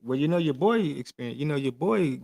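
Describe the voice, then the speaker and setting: A man's voice: a little high, animated, fairly quick, gravelly, a little mellow, no echo. A man in his late thirties in casual podcast chat, talking in loose, slangy, emphatic stories. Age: 30s. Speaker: podcast host.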